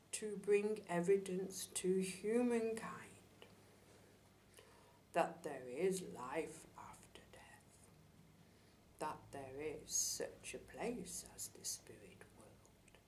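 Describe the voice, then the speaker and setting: A woman as a seance medium in trance, voicing a solemn spirit guide in a halting, hushed, half-whispered delivery with long pauses. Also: fairly low pitch, full character voice. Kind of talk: seance channelling, slow solemn discourse. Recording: distant mic, clear background hiss.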